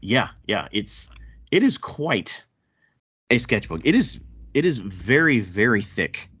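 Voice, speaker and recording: A man's voice: lowish voice, very animated, takes it slowly, a bit bright, slightly rough. A man with a thick Southern US accent hosting a casual podcast chat, often stammering and repeating words as he goes. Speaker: podcast host. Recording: dull, roomy echo.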